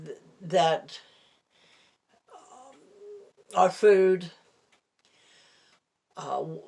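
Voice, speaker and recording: A woman of about eighty talking casually and haltingly in a personal vlog, her lips over her gums with few teeth, slightly slurring her words. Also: fairly low pitch, darkish tone. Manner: slow, halting, rambling delivery. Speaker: vlogger.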